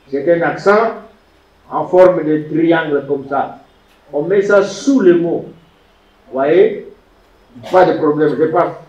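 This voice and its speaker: A man teaching a Hebrew lesson, animated and emphatic, sounding out words syllable by syllable. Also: on the high side. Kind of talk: classroom lecture. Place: classroom. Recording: echoey room, distant mic, dull lo-fi sound.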